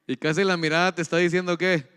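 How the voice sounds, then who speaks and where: A man's voice: on the high side, normal speed, smooth. A pastor delivering a conversational sermon, often asking his congregation questions. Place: church hall. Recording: echoey church hall.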